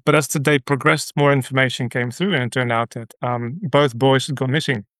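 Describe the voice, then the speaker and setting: Recorded without room sound, this Dutch-accented man from the Netherlands has a steady, mid-range, fairly bright voice. As an interview guest and ministry leader, he recounts his story in conversation, earnest but halting and filled with fillers.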